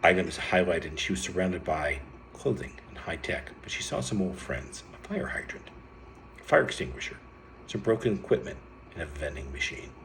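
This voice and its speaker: Man, deep voice, reading a story aloud, lively delivery, occasional stumbles. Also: normal speed, slight background noise. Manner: lively read-aloud with bursts of raised pitch and some stumbles.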